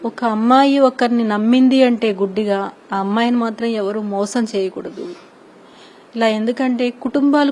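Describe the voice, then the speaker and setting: A woman's voice: on the high side, a little mellow, slight background noise, poor audio. A woman in her thirties giving a distressed, pleading news interview, repeatedly addressing the interviewer respectfully.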